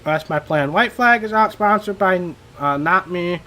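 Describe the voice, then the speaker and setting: A young man giving casual, rambling commentary over his racing game, a little hoarse and self-deprecating, with many fillers. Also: high-pitched, a little slow, sharp tone. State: slightly losing his voice. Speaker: gaming channel host.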